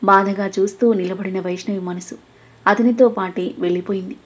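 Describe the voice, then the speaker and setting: Woman storyteller, husky breathy voice, steady gentle narration. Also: medium pitch, normal speed.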